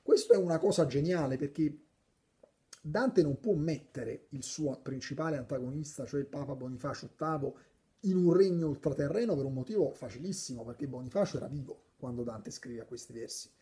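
A literature explainer with a mellow, mid-range voice talks through a poem casually and fairly quickly. They think aloud, restart often, and occasionally recite verses.

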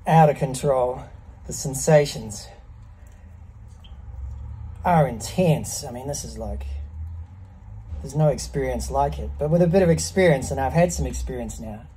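A man in his fifties giving a reflective monologue to camera, speaking contemplatively in short, measured phrases with pauses between them. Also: mid-range voice, warm tone, low-quality recording. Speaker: ice bath practitioner. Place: small block-walled semi-outdoor space, in an ice bath.

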